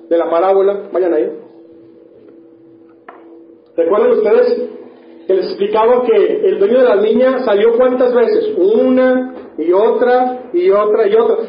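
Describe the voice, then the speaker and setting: High-voiced preacher in an echoey hall. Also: male voice. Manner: rhetorical questions, rising to mock indignation. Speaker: pastor. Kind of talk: sermon. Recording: echoey room, dull lo-fi sound.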